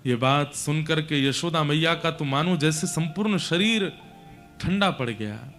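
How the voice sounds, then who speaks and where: Narrate as a man telling a devotional scripture story: keep your voice high and bright, swell dramatically at emotional peaks, soft music underneath. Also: measured pace. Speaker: religious storyteller.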